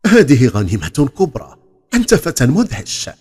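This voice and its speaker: A man's voice: on the low side, sing-song, fast, faint music behind. A man voicing a menacing, commanding bandit chief in a storybook tale, emphatic and declamatory. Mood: amazed, pleased. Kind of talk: storybook character acting. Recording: long hall reverb on the voice.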